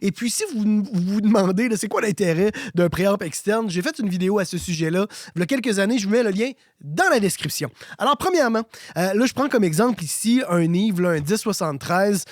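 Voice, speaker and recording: Raspy Québécois man explaining audio gear. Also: high-pitched, expressive, a little fast, no echo, clean studio sound. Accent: Québécois French. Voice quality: raspy smoker's-like voice from a cold. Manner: colloquial, conversational. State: slightly hoarse with a cold. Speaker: host of an audio tutorial channel. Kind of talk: casual explanatory tutorial.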